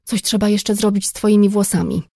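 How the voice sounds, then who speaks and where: A woman voicing a calm, teasing friend who stays unhurried. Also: medium pitch, vocal fry, no room sound, clean studio sound.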